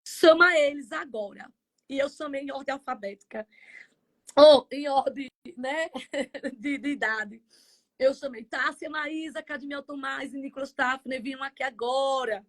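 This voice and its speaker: A woman pastor with a Brazilian Portuguese accent gives a fervent faith testimony on a live stream. Her voice sits high, and she moves between loud cries and soft passages. She is heard through a phone or video-call microphone. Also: measured pace.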